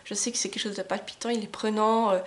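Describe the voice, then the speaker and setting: A woman's voice: mid-range voice, flat delivery, fast, a little hiss or hum. Chatty young woman showing her book gifts. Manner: chatty and enthusiastic, many "euh" fillers and small laughs. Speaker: book vlogger. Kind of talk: casual book haul chat to camera. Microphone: camcorder microphone.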